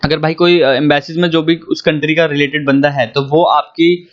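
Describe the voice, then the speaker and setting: A young male teacher with a slightly high voice gives a casual economics lesson. He mixes with phrases and keeps asking whether his students follow. The sound is dull and lo-fi. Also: fairly even intonation, moderate pace. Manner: chatty, asks students if they follow. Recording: dull lo-fi audio.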